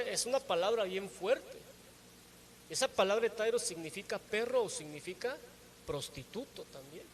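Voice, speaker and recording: A man's voice: high voice, slight background noise. A man preaching a sermon to his congregation, teaching with rhetorical questions and often checking in with tag questions.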